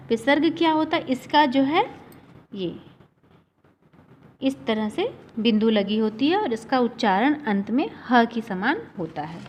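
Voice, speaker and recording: A woman teacher giving an online class lesson, explaining slowly and patiently and often checking that the class has followed. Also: on the high side. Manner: slow, explaining patiently with repeated "theek hai". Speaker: school teacher. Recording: dull lo-fi sound with faint noise.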